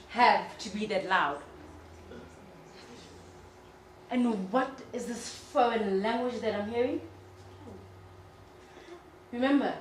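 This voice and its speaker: A woman playing a haughty strict teacher. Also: a little high. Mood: scolding. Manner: slow, haughty, mocking. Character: strict bossy female school teacher. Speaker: teacher character in a comedy skit. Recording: echoey room from a distance with noise.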